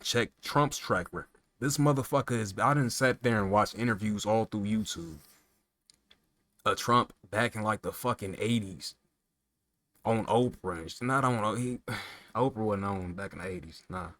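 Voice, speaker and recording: A man with a somewhat low voice vents in a heated, profanity-laced rant. He talks straight at the listener, piling on emphatic rhetorical questions. The recording is dry, with no room sound. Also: moderate pace, fairly bright tone, no room sound. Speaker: political commentator. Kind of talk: casual political rant.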